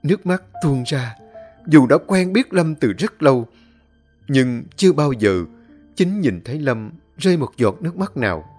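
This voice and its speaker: A male storyteller narrating a dramatic tale in an expressive, animated way. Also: medium pitch, measured pace. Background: faint music.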